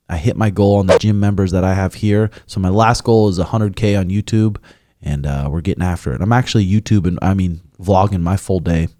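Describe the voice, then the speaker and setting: A man's voice: lowish voice, a little mellow, no echo, clean studio sound. A young man hosting a casual podcast, laid-back and crude, swearing freely. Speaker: podcast host.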